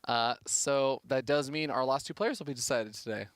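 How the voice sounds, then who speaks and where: A man's voice: medium pitch, fairly bright tone, no room sound. A man casting a live esports match, playful and joking between play-by-play calls. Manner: playful, quick jokes. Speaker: esports commentator.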